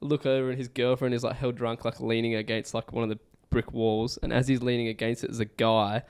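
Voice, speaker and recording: A man's voice: mid-range voice, little pitch movement, fast talker, clean tone. A young man co-hosting a podcast, chatty and teasing, laughing at his own jokes. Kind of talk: casual storytelling chat.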